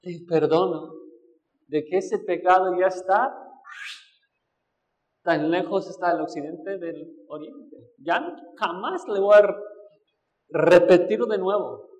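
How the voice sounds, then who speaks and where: A man's voice: sits high, takes it slowly, long pauses. A male pastor preaching a sermon, who asks the congregation questions and acts out the voices he quotes. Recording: echoey hall with long reverb.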